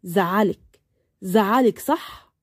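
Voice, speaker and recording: A woman's voice: mid-range voice, takes it slowly, breathy edge, no room sound, clean studio sound, pitched below the performer's own voice. A woman voicing a protective, probing older sister with an Egyptian accent.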